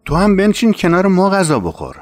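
A man playing a kind, honorable middle-aged master of a household in a narrated story, speaking slowly and gently. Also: high-pitched, wildly swooping pitch, soft background music. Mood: gentle.

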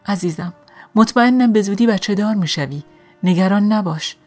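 A woman's voice: medium pitch, darkish tone, soft background music, lightly acted. Woman doing a kind motherly older woman. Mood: gentle, affectionate.

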